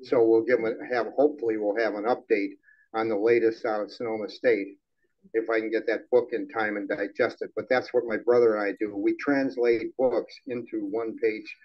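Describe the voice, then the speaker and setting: An older man making rambling, wry club announcements at a microphone in a small meeting hall. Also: medium pitch. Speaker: event host announcer. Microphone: handheld microphone on stand. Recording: dull lo-fi sound.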